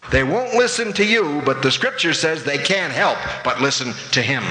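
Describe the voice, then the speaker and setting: A man preaching a sermon, telling an animated anecdote and acting out the voices of the people in it. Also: on the high side, slight background noise. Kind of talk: sermon with storytelling. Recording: echoey hall with long reverb.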